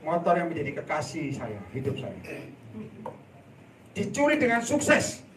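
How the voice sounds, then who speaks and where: Male evangelist, lively storytelling sermon, fairly high pitch, recorded from a distance in a reverberant church. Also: a little slow, slight background noise. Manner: animated storytelling with laughs and sudden loud outbursts. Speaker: evangelist preacher. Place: church hall. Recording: echoey hall, voice from a distance.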